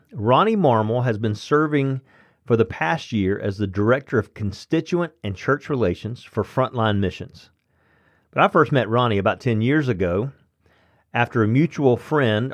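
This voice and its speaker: A man hosting a conversational ministry podcast, earnest and friendly, with a relaxed, easygoing delivery. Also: mid-range voice, dry recording. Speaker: podcast host.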